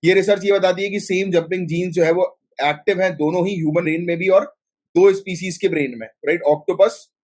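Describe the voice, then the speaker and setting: A north Indian exam coaching teacher with a Hindi-speaking accent leads a live online civil service class, chatting in a filler-heavy way and mixing in English terms. His voice is a little high for a man and a little mellow, with fairly even intonation. He keeps throwing quick questions at his students.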